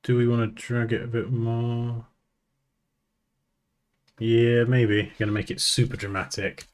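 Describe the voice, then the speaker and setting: A man teaching design software, thinking aloud in a casual, joking way as he works. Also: mid-range voice, flat delivery, unhurried. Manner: chatty, thinks aloud, jokes at himself. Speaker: design tutor. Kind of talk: casual screen-recorded software tutorial.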